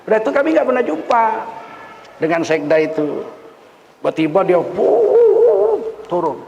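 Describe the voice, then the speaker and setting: Male preacher, high voice, animated storyteller, echoey hall. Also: unhurried, gravelly, muffled recording, slight background noise. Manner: animated storyteller, asks the crowd questions. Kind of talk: lively sermon with stories. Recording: echoey hall, faint ambience.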